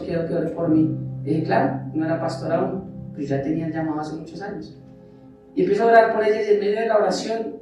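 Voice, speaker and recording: A man preaches from the pulpit of a church, sharing personal testimony and throwing rhetorical questions at the congregation. His voice rings through a very echoey sanctuary and is picked up from a distance. Music plays clearly behind him. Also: high-pitched. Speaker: pastor. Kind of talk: sermon.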